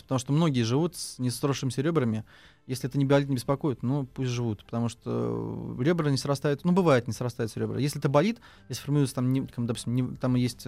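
A man's voice: mid-range voice, vocal fry, a little mellow, no room sound. A man working as a trauma surgeon, answering listener questions on radio, talking with many fillers and restarts.

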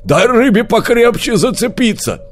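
A man voicing a greedy male wolf in a storybook reading, with a hoarse, growling, bossy manner. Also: very high voice, expressive, normal speed, soft background music, voice pushed up. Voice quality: hoarse, rasping.

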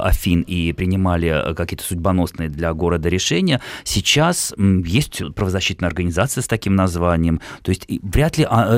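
A man's voice: deep voice, dry recording, clean studio sound. A man speaking as a language expert on a radio call-in show, conversational and agreeable, explaining words with frequent hesitations. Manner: quick, conversational, agreeable, with fillers.

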